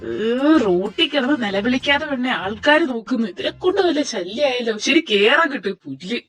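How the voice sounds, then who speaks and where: A sarcastic young man on a bike, voiced by a woman, in a highish voice. He snaps and mocks in a fan-made audio story. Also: lively intonation, fairly quick, a bit bright, faint music behind. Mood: mocking. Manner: mocking, snappy.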